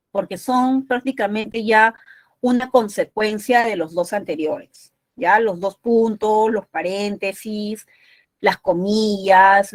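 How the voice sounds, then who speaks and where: A woman's voice: medium pitch, no echo. A woman teaching a university entrance exam prep class, explaining patiently and often checking in with short tag questions.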